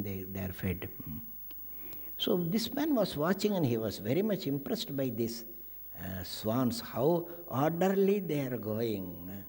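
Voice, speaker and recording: Slow swami giving a discourse. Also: male voice, mid-range voice, dark tone. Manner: slow, anecdotal teaching with Sanskrit verses. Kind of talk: sermon. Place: ashram discourse hall. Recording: echoey hall.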